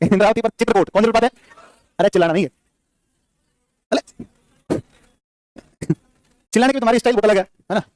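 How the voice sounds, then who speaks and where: Fast-talking high-voiced male teacher. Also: darkish tone, dry recording. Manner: drills students with repeated questions and answers; jokey, scolds the class playfully. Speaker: geography teacher. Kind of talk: live classroom lecture.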